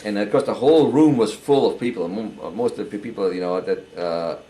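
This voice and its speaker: An older man giving a halting, earnest personal testimony, often repeating words as he goes. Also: on the low side, warm tone, slight background noise, low-quality recording. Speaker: interviewee.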